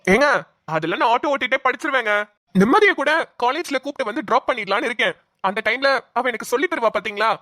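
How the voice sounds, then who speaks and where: Cartoon role: quick, bright, teasing young man, played by a woman. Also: fairly high pitch, animated, no echo, studio quality, voice pushed down. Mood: cheeky. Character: cheeky young man, playful teaser. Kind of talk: cartoon voice acting.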